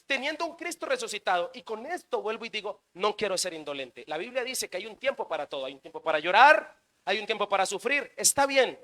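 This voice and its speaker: A man preaching a sermon in church, firing rhetorical questions and swinging between loud bursts and quiet stretches. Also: sits high, big pitch swings, quick pace. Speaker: pastor.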